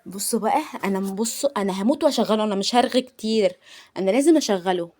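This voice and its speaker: A young woman with an Egyptian accent, chatting excitedly in a casual unboxing vlog, gushing and rambling, filmed on a handheld phone. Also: medium pitch, racing. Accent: Egyptian Arabic. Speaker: vlogger. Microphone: phone held in hand.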